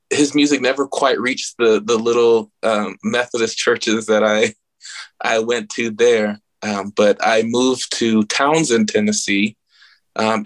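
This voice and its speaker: A man's voice: lowish voice, a bit bright. A man from the Bahamas, a guest musician, speaking earnestly and reflectively at an event and often searching for his words. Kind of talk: casual spoken remarks at an event.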